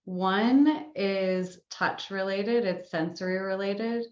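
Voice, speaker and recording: A woman guest on a podcast, explaining in a gentle, unhurried coaching tone. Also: mid-range voice, steady tone, roomy sound, lo-fi sound. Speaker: guest, sex and somatics coach. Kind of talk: casual podcast interview.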